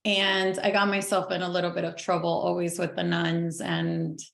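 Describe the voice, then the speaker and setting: A woman's voice: lowish voice, completely flat delivery, creaky. A young adult woman from Venezuela, chatting as a podcast guest in a talkative, upbeat way. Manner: talkative, upbeat, quick to laugh. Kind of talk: casual interview chat. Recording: echoey room.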